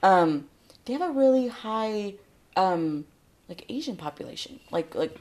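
Young woman co-host, mid pitch but lively, rambly with lots of ums. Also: measured pace. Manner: rambling, filler-heavy, laughing. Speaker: podcast co-host. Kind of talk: casual chat.

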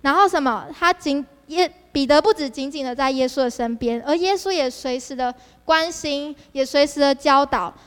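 High-voiced woman preaching in a hall. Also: moderate pace. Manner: asks the audience frequent rhetorical questions, animated. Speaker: district leader preaching. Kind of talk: youth service sermon.

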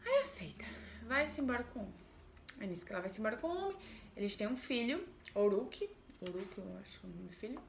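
Brief: a woman storyteller, chatty and meandering, fairly high voice, roomy sound. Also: big pitch swings, fast talker, vocal fry, slight background noise. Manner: chatty, repetitive, with many fillers. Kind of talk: casual folk tale retelling.

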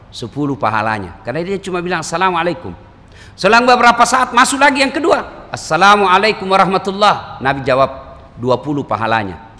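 A man's voice: medium pitch, bright, forceful tone, big-room sound. A man preaching a sermon, telling stories with humor and acted quotes. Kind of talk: sermon to a congregation.

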